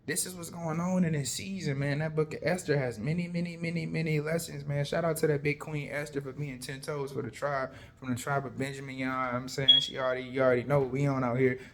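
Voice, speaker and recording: A man casually retelling a Bible story, animated and conversational, full of slang. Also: on the high side, quick pace, few pauses.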